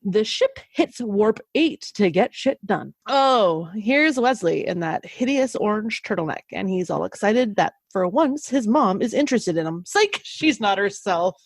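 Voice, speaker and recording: A woman's voice: mid-range voice, lively intonation, unhurried, few pauses, dry recording, studio quality. A young woman co-hosting a podcast who chats casually, swears and jokes sarcastically, and has a slight lisp. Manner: swears a lot, jokey and sarcastic. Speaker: podcast co-host. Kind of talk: casual chat, reading episode synopsis.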